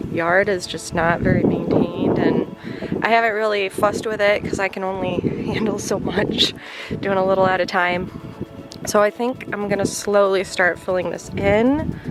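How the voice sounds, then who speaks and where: A woman's voice: medium pitch, steady tone, unhurried, very noisy. A woman chatting casually about her garden projects, partly on camera and partly in voice-over, with lots of "like" fillers. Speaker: home gardening vlogger. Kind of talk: casual vlog chat and voice-over.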